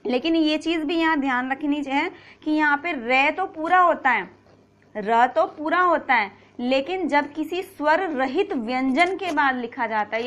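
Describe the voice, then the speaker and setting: A woman's voice: high voice, a bit bright. A woman teaching a grammar lesson, patiently explaining, asking and answering her own questions, and repeating key points.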